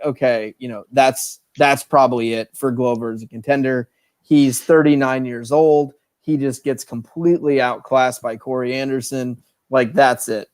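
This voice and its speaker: A man co-hosting a podcast, giving a lively, swearing breakdown of an upcoming fight and acting out announcer calls. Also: medium pitch, dry recording. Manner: animated, acts out announcer calls, swears freely. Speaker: podcast co-host. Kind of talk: casual fight-analysis chat.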